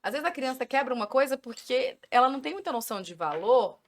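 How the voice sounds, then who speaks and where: A woman's voice: high voice, expressive, quick pace. A Brazilian woman in her thirties, a podcast guest explaining parenting in earnest with everyday examples. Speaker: journalist and parenting educator guest. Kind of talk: casual podcast conversation.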